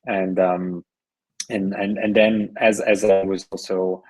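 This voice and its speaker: Appearing as a podcast guest, a middle-aged man with Swiss and Colombian roots who works as a venture investor speaks casually, often restarting and repeating words. His voice is low, flat, slow, and slightly mellow, with no echo but rough recording quality.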